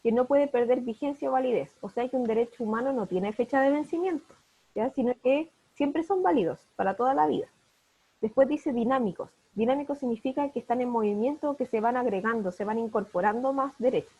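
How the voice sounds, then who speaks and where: Woman teacher, mellow and breathy, patient step-by-step explainer, on a muffled video call. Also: a little high, a little fast. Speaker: primary school teacher. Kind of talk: online class explanation.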